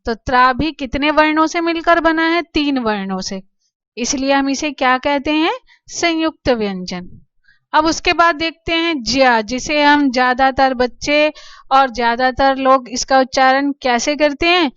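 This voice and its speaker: A woman teaching children Sanskrit letters, explaining slowly and patiently, asking questions and answering them herself. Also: sits high, fairly bright tone, no room sound, muffled recording. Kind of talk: slow classroom explanation to children.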